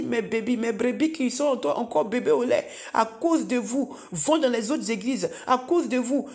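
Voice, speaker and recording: Woman recounting a vision, repeating phrases. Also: fairly high pitch. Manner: animated storytelling, repeats phrases, addresses listeners as beloved. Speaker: prophetess giving testimony. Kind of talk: spoken testimony.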